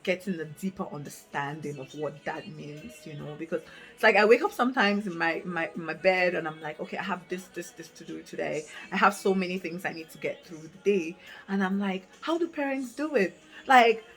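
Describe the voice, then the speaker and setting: Her voice is medium-pitched and fairly bright, captured on a low-quality camera mic. She's an African vlogger in her late twenties, reading from notes but musing candidly to camera in a casual way, with plenty of fillers and restarts.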